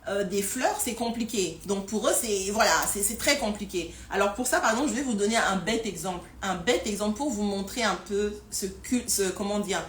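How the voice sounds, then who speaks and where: A woman talks casually to her live stream audience, stumbling over repeated words and fillers as she thinks aloud. Her voice sits at an ordinary middle pitch. The sound is roomy and echoey, with a faint hiss underneath. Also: brisk, few pauses. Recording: roomy echo with faint noise.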